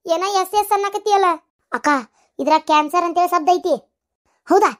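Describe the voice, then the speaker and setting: A woman voicing chatty village women in a comic cartoon, with a North Karnataka Kannada accent and a shrill, exclaiming manner. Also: fairly quick. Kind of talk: cartoon voice acting.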